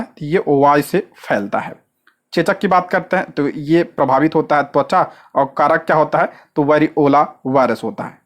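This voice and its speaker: A coaching teacher giving an exam-prep lecture, asking quick questions and answering them at once, with frequent short check-ins and repeated stress on key points. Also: medium pitch.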